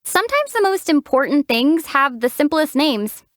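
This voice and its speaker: A level-headed young traveler heroine, her voice high for a woman and recorded close and dry. She answers in a calm, gently wry way, with steady, unhurried delivery. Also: no echo. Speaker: game protagonist. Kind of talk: video game character dialogue.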